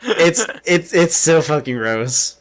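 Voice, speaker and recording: Easygoing man with a lively pitch. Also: slow, a crowd in the background. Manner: laid-back, agreeable, chuckles often. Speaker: podcast co-host. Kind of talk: casual chat.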